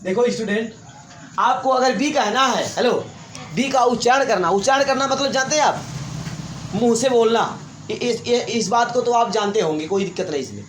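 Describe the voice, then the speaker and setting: High-voiced teacher in echoey classroom. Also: male voice, moderate pace. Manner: repetitive, quizzing students. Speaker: English teacher. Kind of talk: classroom grammar lesson. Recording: echoey room, faint hiss.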